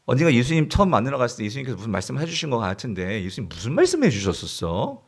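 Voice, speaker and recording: A man's voice: medium pitch, very animated, rapid-fire, husky, pitched below the performer's own voice. A male pastor acting out Mary, a tender young woman eagerly questioning her older sister. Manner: eager, repeated pleading questions.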